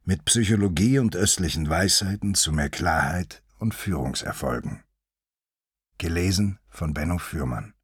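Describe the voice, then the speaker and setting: A man reading an audiobook fable aloud in a slow, expressive storytelling manner, close to the mic. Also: deep voice, husky, dry recording. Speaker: audiobook reader. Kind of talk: scripted audiobook narration.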